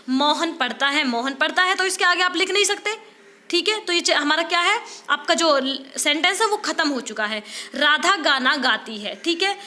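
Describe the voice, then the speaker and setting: A woman's voice: very high-pitched, pushed and bright. A young woman giving a chatty online lesson, mixing in English and often saying "see" and "okay". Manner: chatty, repeats "dekhiye" and "theek hai". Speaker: online teacher for teacher-training exam. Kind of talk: casual Hindi-English lecture.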